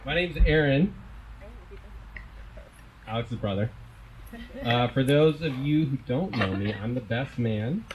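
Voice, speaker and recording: A man's voice: medium pitch, expressive, slow, pauses often, noisy background. A man in his early thirties giving an informal, self-deprecating comedic speech as best man at a wedding reception. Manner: self-deprecating, joking, chuckles through his words. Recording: live event with loud crowd laughter.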